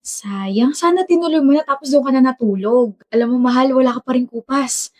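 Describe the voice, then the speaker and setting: A woman's voice: sits high, a little fast, a little mellow. A woman acting out a romantic skit dialogue, playful and teasing, switching between Tagalog and English.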